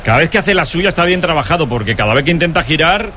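A man's voice: a little high, animated, quick pace, pushed and bright, a little hiss or hum. A man with an accent from Spain giving emphatic, conversational football analysis on the radio, repeating his points. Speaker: sports radio pundit. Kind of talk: rapid conversational match analysis.

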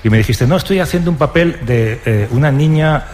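Teasing Spanish talk show host. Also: male voice, a little high, lively intonation, brisk, darkish tone, slight background noise. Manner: chatty, teasing interviewer. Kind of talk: casual talk show chat. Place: studio with live audience.

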